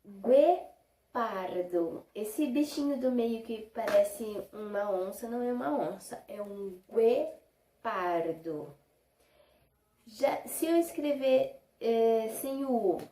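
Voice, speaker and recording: A woman's voice: a little high, mellow, echoey room. A woman teaching a lesson to young children in Brazilian Portuguese, patiently stretching out syllables and checking in with short questions. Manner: slow, drawn-out syllables when modelling words. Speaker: primary school teacher.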